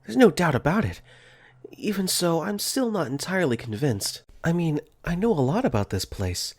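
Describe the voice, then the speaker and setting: For a fan dub of a visual novel, a man performs the first-person narration and dialogue of a relaxed, wry teenage boy who cracks jokes as he tells his story conversationally. The voice actor's pitch is a little high with big swings, and he speaks at a moderate pace.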